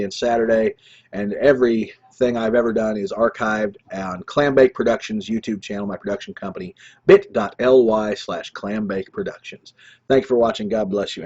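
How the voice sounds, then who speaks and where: Man, husky voice, dull lo-fi stream audio, rambling casual storytelling, podcast host. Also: on the low side, darkish tone. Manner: rambling storyteller with chuckles and restarts. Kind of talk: casual gaming story monologue.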